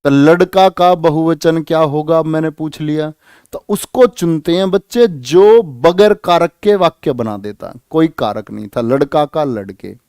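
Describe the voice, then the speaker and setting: A man's voice: a little high, measured pace, darkish tone, clear, resonant tone, dry recording, clean studio sound. A man teaching grammar in a live exam-prep class, repeating questions and prodding students to answer.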